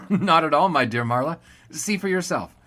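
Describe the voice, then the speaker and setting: A man voicing a smooth-talking 1920s sportswriter with suave, salesy charm. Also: fairly high pitch, lively intonation, moderate pace, sharp tone. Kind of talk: 1940s radio acting.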